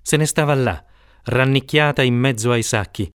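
A man narrating an audiobook in a steady, expressive reading voice. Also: mid-range voice, normal speed, smooth, dry recording, studio quality.

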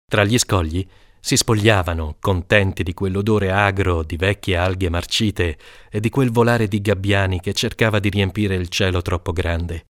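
A man narrates a literary short story in a calm, measured way. His voice sits low. The recording is dry and close, with no room sound. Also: no echo. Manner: measured, calm reading that lifts into high voices for children's shouts. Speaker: audiobook reader.

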